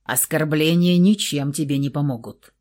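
A woman's voice: lowish voice, sing-song, normal speed, mellow. A woman reading aloud and voicing a cold, domineering elder vampire brother who speaks curtly and commandingly. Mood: icy. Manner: icy, curt, commanding.

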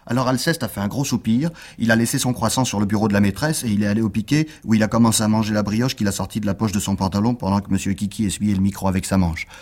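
A man's voice: lowish voice, quick pace, hardly any pauses, a little mellow. A man narrating a children's story aloud in a chatty, childlike storytelling tone.

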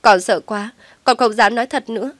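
A woman's voice: fairly high pitch, fairly quick, dry recording, voice pushed up, close to an everyday voice. A woman voicing a frightened young daughter-in-law begging through tears. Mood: pleading.

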